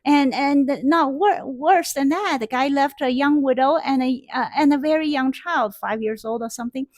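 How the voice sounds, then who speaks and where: Speaking at normal speed in a high voice with no echo, a middle-aged woman math teacher tells a story to her class in front of a whiteboard, using a headset mic. Her casual storytelling lecture is chatty and rambling, full of fillers and restarts, with animated gestures.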